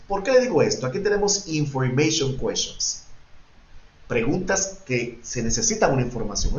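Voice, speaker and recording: A male English teacher explaining grammar to his students, switching between Spanish explanations and English examples and repeating points for emphasis. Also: mid-range voice. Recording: echoey, dull lo-fi room recording.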